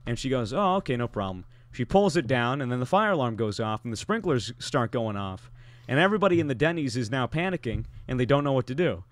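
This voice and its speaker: A man's voice: mid-range voice, lively intonation, fast, hardly any pauses. A young man telling a long story on a podcast, rambling with lots of fillers and restarts.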